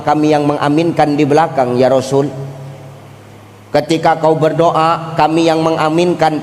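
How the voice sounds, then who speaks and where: A man's voice: on the high side, darkish tone, long reverb tail, slight background noise, natural voice. A man voicing a poor, devout man who humbly explains himself to his teacher.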